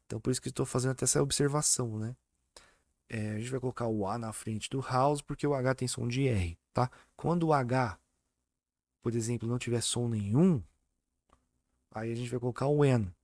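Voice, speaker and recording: A man's voice: medium pitch, gravelly, darkish tone, dry recording, studio quality. A man teaching an online exam-prep English lesson, patient and repetitive, often checking that students follow. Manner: repeats and spells out words slowly.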